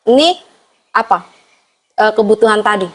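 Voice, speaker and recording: A woman's voice: mid-range voice, moderate pace. A woman teacher with an Indonesian accent presenting a training session to fellow teachers, explaining patiently with frequent fillers and addressing the room politely. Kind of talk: classroom presentation to colleagues.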